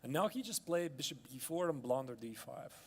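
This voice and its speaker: A man's voice: on the high side, expressive, fairly quick, slightly rough. A man hosting live chess commentary, analysing casually and exclaiming expressively as he follows the moves.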